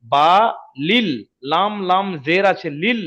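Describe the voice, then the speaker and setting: A man's voice: high voice, lively intonation, a bit bright. A man teaching Quran reading rules in an online lesson, patiently repeating each rule and checking if his students follow. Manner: slows down and drawls when demonstrating recitation. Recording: dull lo-fi audio.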